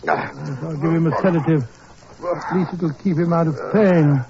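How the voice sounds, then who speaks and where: An actor playing a blustering, self-assured gentleman doctor with a British accent in a 1940s radio drama. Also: on the high side, steady tone, normal speed, vocal fry, a crowd in the background. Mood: concerned. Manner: pompous, blustering. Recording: dull old 1940s radio recording.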